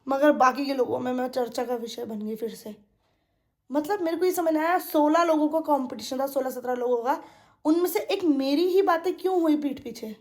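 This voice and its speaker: A woman's voice: high-pitched, a little fast, a little mellow. A young woman venting to her viewers in a casual monologue. She sounds indignant, repeats herself and speaks to them directly. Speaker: vlogger.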